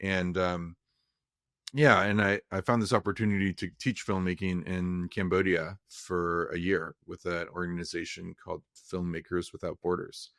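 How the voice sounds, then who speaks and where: A man's voice: low-pitched, level tone, normal speed, a bit bright, no echo, studio quality. A young man from California, a film director, talking casually in an interview and rambling with many restarts. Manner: rambling, frequent restarts and fillers.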